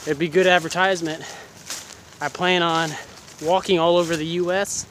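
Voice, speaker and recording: A man's voice: a little high, level tone, normal speed, fairly bright tone, slight background noise. A young man chatting casually to his phone camera while walking by a road, out of breath and rambling. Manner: chatty, rambling, self-deprecating. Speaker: vlogger. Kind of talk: casual vlog talk to camera. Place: outdoors by a busy road.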